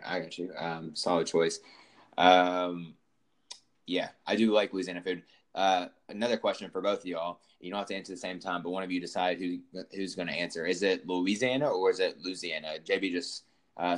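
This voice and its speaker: A man hosts a laid-back sports podcast in a very low voice. He asks loose, meandering questions at an easy pace. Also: level tone, normal speed. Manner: easygoing, rambling questions. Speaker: podcast host. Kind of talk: casual sports podcast chat.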